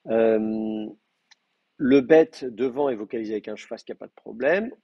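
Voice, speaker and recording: Man, teacher, hesitant explanations, husky tone, dry close sound. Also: on the low side, normal speed, no echo, lo-fi sound. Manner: explanatory, frequent hesitations and fillers. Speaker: Hebrew teacher. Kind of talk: live class lecture.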